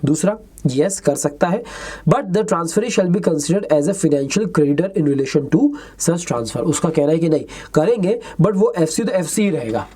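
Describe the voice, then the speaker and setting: A male lecturer works through exam questions in a relaxed, mellow voice. He moves between Hindi and English and reads each question out slowly before turning to friendly, chatty explanations. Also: a little high.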